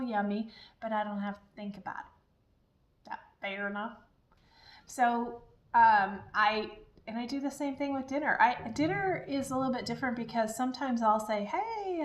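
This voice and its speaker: A woman with a fairly high voice chats casually to her vlog audience. She sounds upbeat and encouraging, and the room around her rings with noticeable echo. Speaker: diet vlogger. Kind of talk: casual chatty vlog talk. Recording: echoey room.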